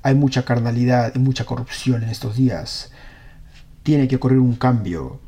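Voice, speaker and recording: A man's voice: mid-range voice, moderate pace, dark tone. A man preaching a sermon, reading scripture aloud and earnestly questioning his congregation.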